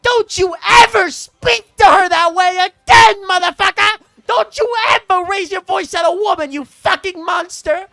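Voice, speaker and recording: A man's voice: measured pace, vocal fry, few pauses, bright, forceful tone, heavily acted. A man mimicking a furious young woman who screams in defense of her cousin. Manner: shrill screaming outrage.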